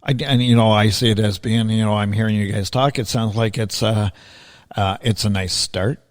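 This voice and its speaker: A man's voice: fairly low pitch, steady tone, moderate pace. Easygoing man hosting a casual interview. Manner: easygoing, many fillers and restarts, casual swearing. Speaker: podcast host.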